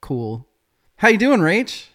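Lively upbeat podcast host, man. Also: high voice, slow. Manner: upbeat, laughs often. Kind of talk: casual interview.

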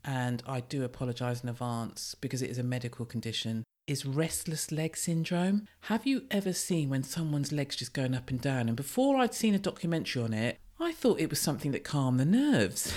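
A podcast host with a British accent talking through pet peeves in a casual solo monologue, blunt and self-mocking, with a naturally loud voice. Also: medium pitch, expressive, fairly quick. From United Kingdom.

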